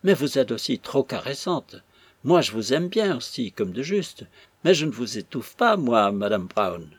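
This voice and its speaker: A man voicing a put-upon young knife-grinder who whines and complains, with a husky voice. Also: medium pitch, very animated, a little slow, no echo. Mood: whining. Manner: whining, exasperated.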